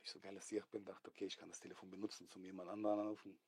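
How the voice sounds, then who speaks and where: A young man, from Serbia, telling his own story as a podcast guest, full of street slang, swinging between hushed whispers and loud bursts. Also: sits low, little pitch movement, rapid-fire, gravelly, slightly rough, dry recording. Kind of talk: animated storytelling in a podcast interview.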